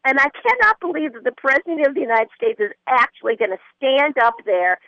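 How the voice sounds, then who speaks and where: A woman's voice: sits high, lively intonation, a little fast, pushed and bright, no room sound. A woman guest on a political talk radio show, speaking earnestly and growing indignant. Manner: earnest, rising to indignant emphasis. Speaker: guest commentator. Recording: muffled phone-line audio.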